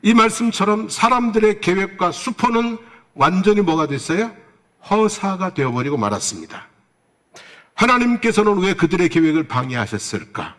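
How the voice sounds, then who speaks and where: High, lively-voiced male pastor preaching. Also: moderate pace. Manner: asks the congregation questions and answers them himself; tells jokes with playful asides. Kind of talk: sermon.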